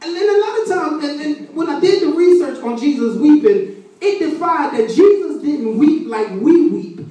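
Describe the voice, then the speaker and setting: A high-voiced woman preaching a sermon, rising into shouted, sing-song runs. She is caught by a phone from across a church sanctuary. The sound booms and rings in a big, echoey hall. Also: expressive, normal speed, distant mic. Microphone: phone camera from across the room.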